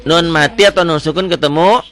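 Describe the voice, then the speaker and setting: A man's voice: fairly high pitch, a bit bright. Man quizzing a student on Quran reading. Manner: quizzing questions, repeats answers, recites slowly. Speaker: Quran recitation teacher. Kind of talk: Quran reading lesson with a child.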